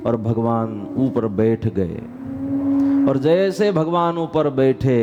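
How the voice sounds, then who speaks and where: Slow, fervent man telling a devotional story. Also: muffled recording, heavy background noise. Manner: dramatic, rising to fervent high calls. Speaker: katha preacher. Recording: music playing behind.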